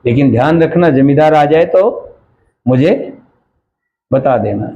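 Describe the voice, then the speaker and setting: A man voicing a cunning, greedy male jackal in a storytold fable, speaking in a low, wheedling tone. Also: animated, unhurried, lo-fi sound, slight background noise. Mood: sly wheedling.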